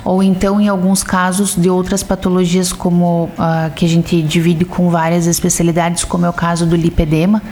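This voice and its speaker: A woman's voice: fairly low pitch, little pitch movement, normal speed, few pauses, darkish tone, a little hiss or hum. A woman vascular doctor answering interview questions, explaining symptoms step by step.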